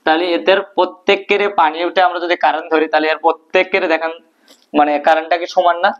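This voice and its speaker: Fast-talking man teaching, lo-fi sound. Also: fairly high pitch, level tone, a bit bright. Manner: asks questions and answers them himself. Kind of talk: physics lesson at a whiteboard. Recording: dull lo-fi recording.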